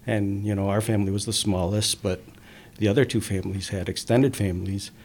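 A man, a police officer, talking earnestly in an interview, with many pauses and fillers. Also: lowish voice, fairly even intonation, darkish tone, a little hiss or hum. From immigrant, grew up in the US. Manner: earnest, halting, many "you know" fillers. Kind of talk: conversational interview.

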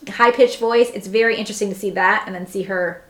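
A woman's voice: mid-range voice, steady tone, fast, fairly bright tone. Chatty, questioning woman, echoey sound. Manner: chatty, curious, asks lots of questions. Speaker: podcast co-host. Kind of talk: casual chat. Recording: echoey room.

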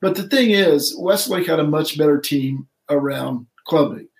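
A man's voice: on the high side, normal speed, roomy sound, low-quality recording. A middle-aged man co-hosting a casual sports podcast, rambling and correcting himself as he goes. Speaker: podcast co-host.

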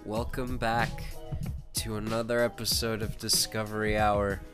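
A man's voice: lowish voice, measured pace, music in the background. A young man co-hosting a casual podcast, sick with a congested, nasal voice, chatting and telling rambling stories. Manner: rambling storyteller, animated when excited. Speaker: podcast co-host. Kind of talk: casual chat.

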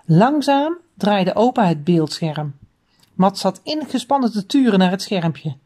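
A woman reading a children's book aloud, chapter by chapter, in an expressive storytelling voice. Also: medium pitch, a little slow.

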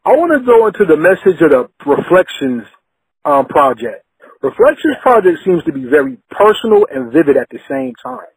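Very raspy, animated male interviewer. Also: a little high, moderate pace, no room sound, poor audio. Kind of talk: conversational interview questioning.

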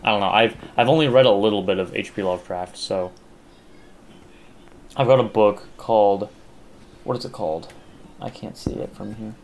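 Low-voiced young man rambling casually. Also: normal speed, creaky, long pauses, darkish tone. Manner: rambling, many fillers and restarts. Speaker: podcast co-host. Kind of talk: casual chat.

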